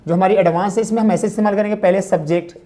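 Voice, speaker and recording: A woman teaching a grammar lesson to students, repeating key phrases slowly and asking rhetorical questions as she explains. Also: mid-range voice, fairly even intonation, mellow.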